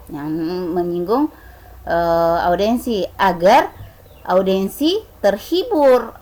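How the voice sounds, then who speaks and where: A woman's voice: mid-range voice, darkish tone, poor audio. A woman teacher explaining a lesson patiently, repeating points and asking the pupils rhetorical questions. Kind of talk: slow online class explanation.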